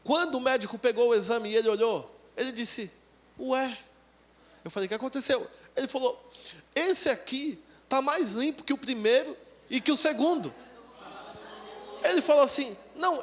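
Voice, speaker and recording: A man's voice: extremely high pitch, a little hiss or hum. A man with a Brazilian Portuguese accent, a pastor preaching a sermon in a church service and telling a testimony, acting out laughter and the voices of people in his story. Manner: animated storytelling, acts out laughing and dialogue.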